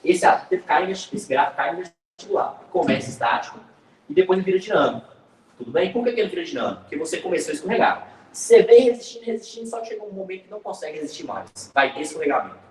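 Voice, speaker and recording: Lively fast-talking male physics teacher. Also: high voice, reverberant, recorded from a distance, a little hiss or hum, rough recording. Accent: Brazilian Portuguese. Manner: lively, joking, addresses students by name. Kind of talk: online class lecture.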